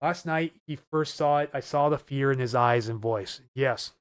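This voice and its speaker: A weather livestream host talks to viewers in a casual yet urgent way, sounding nervous and earnest. His voice is medium-pitched with a moderate pace and clean tone, captured in a dry, studio-quality recording.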